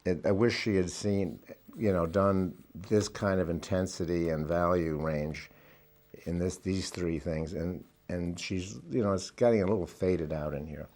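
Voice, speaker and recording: Low, mellow-voiced man teaching watercolour. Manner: unhurried, thinking aloud while painting. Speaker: watercolour instructor. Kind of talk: painting demonstration with commentary.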